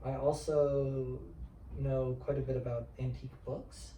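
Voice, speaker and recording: A man's voice: mid-range voice, flat delivery, measured pace, warm tone, a little hiss or hum. Man, chatty auctioneer, rambling, self-correcting, mid-range voice, echoey room, mic far off. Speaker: auctioneer and art specialist. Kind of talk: casual interview conversation. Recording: roomy sound from a distant mic.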